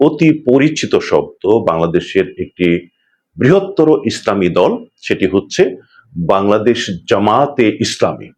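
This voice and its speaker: A man giving a pronunciation lesson, speaking in a measured way and slowing down to model each word. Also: fairly low pitch, darkish tone. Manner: measured, deliberate, slows down to model correct pronunciation. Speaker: pronunciation teacher. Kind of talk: instructional talk to camera.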